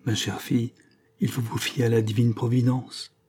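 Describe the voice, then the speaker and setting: A man's voice: mid-range voice, little pitch movement, moderate pace, a little mellow, slightly rough. A man voicing a kindly, patient older priest in a read-aloud novel. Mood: gentle.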